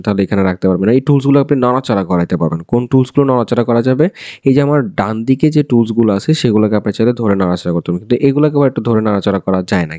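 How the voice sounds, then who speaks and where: A man teaching a screen-recorded software tutorial, explaining in a repetitive way with frequent fillers and checks on his listeners. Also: lowish voice, no room sound.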